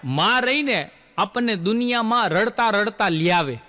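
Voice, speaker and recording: A man's voice: high-pitched, expressive, normal speed, background noise. A male stand-up comedian, telling folksy jokes and acting out the lines of his characters.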